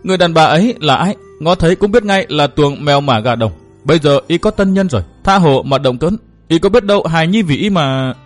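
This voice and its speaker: A headstrong young heroine of a martial-arts audiobook, put on by a male narrator, jealous and quick to tears. Her lines sit in a raised, higher register and come out pleading and emotional. Soft music lies behind. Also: lively intonation. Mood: tearful.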